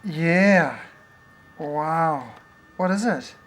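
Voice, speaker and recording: A man's voice: on the high side, animated, extremely slow, a bit bright, slight background noise. An older man, playfully reading picture books to a toddler at home, with teasing questions and animal noises.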